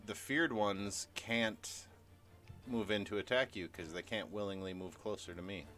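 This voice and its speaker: Low-voiced guy on a game call, relaxed, figuring out rules as he goes. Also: unhurried, soft background music. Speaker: player. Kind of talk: casual tabletop game chat.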